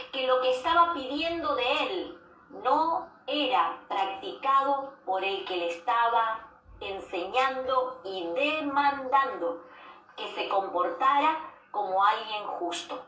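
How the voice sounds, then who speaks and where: A woman giving a devotional sermon as a preacher, measured and repeating key phrases for emphasis. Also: high-pitched, animated, pushed and bright. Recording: roomy echo, distant mic, faint background noise.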